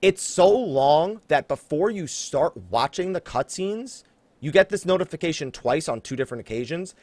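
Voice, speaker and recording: A man with a fairly high, slightly mellow voice talks at normal speed, animated and with no echo, while hosting a casual gaming podcast. He speaks emphatically and straight to listeners to get them hyped.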